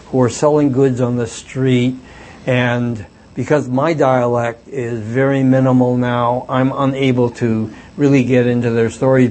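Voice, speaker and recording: At a book talk with audience questions, an older man who writes and once worked as a reporter tells stories. His medium-pitched, darkish voice comes across reflective and hesitant, with many fillers.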